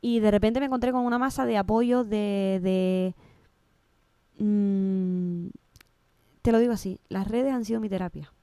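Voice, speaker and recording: A woman's voice: mid-range voice, a little slow, warm tone, smooth, no room sound. A woman with a Canary Islands Spanish accent, a guest in an interview, speaking emotionally and often restarting and repeating her words. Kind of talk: casual interview conversation.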